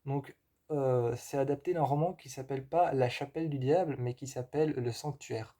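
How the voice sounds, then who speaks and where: A man casually reviewing horror films, pausing often with fillers and repeating himself. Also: medium pitch, warm tone. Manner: hesitant, many fillers and repeats. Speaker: film reviewer. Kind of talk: casual film review monologue.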